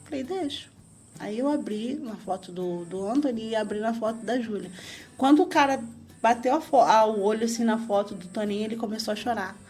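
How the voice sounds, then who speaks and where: A woman's voice: a little high, a little fast, dark tone, faint music behind. A woman, a guest on a radio interview, telling a personal story at length and acting out what people said. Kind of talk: personal testimony in conversation.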